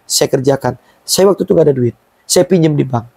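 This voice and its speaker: A man's voice: mid-range voice, fairly quick, warm tone, husky, dry recording. A middle-aged man founding a Quran museum and boarding school, telling his story in an emphatic, emotional way during an interview.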